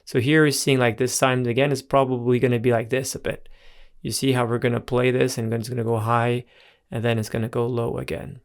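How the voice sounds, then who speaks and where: A middle-aged man with a gravelly, fry-edged voice at a mid pitch hosts and talks through charts. He explains off the cuff, stumbles and restarts, and checks in with "right?" as he goes. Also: flat delivery, a little fast. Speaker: host. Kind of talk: explaining market analysis over charts.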